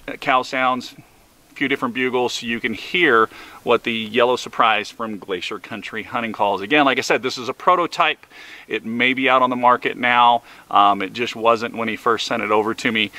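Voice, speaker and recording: A man's voice: mid-range voice, sharp tone. A man giving a casual, instructional product review in a folksy, informal way, repeating himself as he goes. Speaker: product reviewer of hunting calls.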